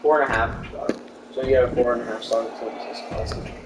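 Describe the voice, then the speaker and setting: A man's voice: medium pitch, fairly even intonation, fast talker, loud music behind the voice. A man hosting a gameplay session, chatting casually and thinking aloud with lots of hesitations. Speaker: gameplay host. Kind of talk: casual gaming chat. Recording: echoey room from far off, noisy.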